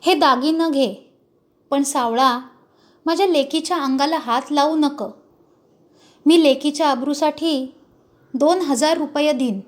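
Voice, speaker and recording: A woman's voice: sits high, measured pace, long pauses. A woman voicing a frightened, humble older village father who pleads in a storybook reading. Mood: pleading.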